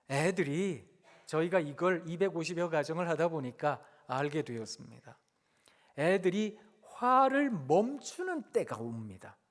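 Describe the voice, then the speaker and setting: A male guest preacher giving a conversational, gently humorous sermon and acting out quoted speech. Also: high-pitched. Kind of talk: sermon at an evening worship service. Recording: long reverb of a church hall.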